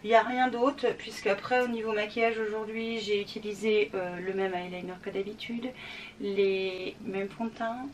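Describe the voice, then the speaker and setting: A woman's voice: mid-range voice, fairly even intonation, moderate pace, recorded from a distance, a little hiss or hum. A French woman chatting casually in a beauty vlog at home, rambling with fillers and laughing often. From France. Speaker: beauty vlogger. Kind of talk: casual product review vlog.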